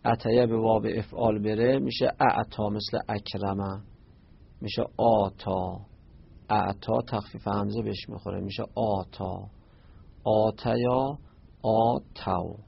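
Gravelly-voiced man teaching grammar. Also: lowish voice, steady tone. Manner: recites verb forms in slow drawn-out chants. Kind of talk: classroom lesson. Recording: muffled lo-fi recording.

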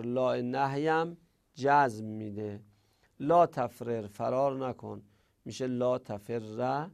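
A man teaches a grammar lesson in a rough, gravelly voice. He works through each rule out loud, putting questions to himself and then answering them. His pitch sits in a plain middle range. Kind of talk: explaining Arabic grammar lesson.

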